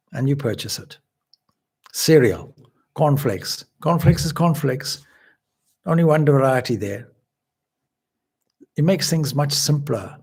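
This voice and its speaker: A swami from Zimbabwe gives a spiritual talk, explaining his points in a measured way with occasional restarts. His voice is gravelly with a husky edge, sits at a middle pitch, and sounds a little mellow.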